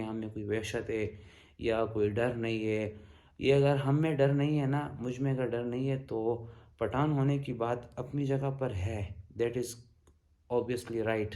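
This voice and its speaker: A man from Peshawar, Pakistan, telling a story in a casual vlog and acting out the dialogue with animation. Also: medium pitch. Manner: animated retelling that acts out quoted dialogue. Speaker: vlogger.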